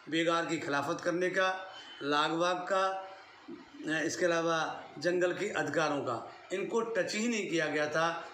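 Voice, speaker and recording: A middle-aged man lectures on history in a loose, explanatory way, now and then dropping in English words. His voice sits a little high for a man. The room is roomy and echoing, with a faint hiss underneath. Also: fairly bright tone. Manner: explanatory, mixes English terms into his speech. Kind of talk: unscripted classroom-style lecture.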